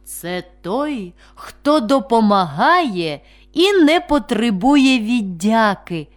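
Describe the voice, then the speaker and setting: A woman voicing a huge, wise old oak tree that speaks slowly, calmly and reassuringly in a storybook reading. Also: on the high side. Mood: gentle. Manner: slow, calm and reassuring.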